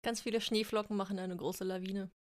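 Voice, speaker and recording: A woman's voice: mid-range voice, fairly even intonation, fairly quick. Young female co-host with dry jokes, easygoing podcast chat. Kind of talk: casual chat.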